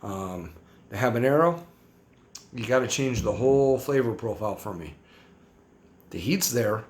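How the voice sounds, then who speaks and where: A man talking through a hot sauce review in a loose, rambling way. He drops slang, circles back on his own points and keeps piling up words. His voice sits at an ordinary middle pitch. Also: expressive, measured pace, a little mellow. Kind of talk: casual product review vlog.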